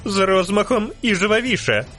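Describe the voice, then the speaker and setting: A man voicing a bold, fiery young elf woman who calls out commanding, teasing shouts. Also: high voice, sing-song, normal speed, soft background music, voice pushed up, exaggerated voice. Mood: rousing.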